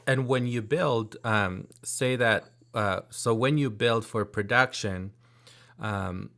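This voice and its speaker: Man, lower voice, casual tech-chat host, hesitant and curious. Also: creaky, fairly bright tone. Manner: halting, many fillers and restarts, inquisitive.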